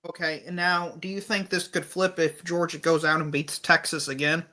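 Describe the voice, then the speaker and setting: A man's voice: a little high, flat delivery, normal speed, bright, forceful tone. A man calling in to a sports show, casually chatting and putting questions to the host. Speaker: caller to a sports call-in show. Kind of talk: casual question-and-answer chat.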